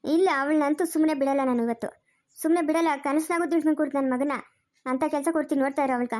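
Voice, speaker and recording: A woman's voice: high-pitched, very fast, darkish tone, no room sound, studio quality, lightly acted. A woman doing a wailing, vengeful village mother. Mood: furious. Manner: wailing laments and angry threats. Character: distraught middle-aged village mother, fierce and bitter.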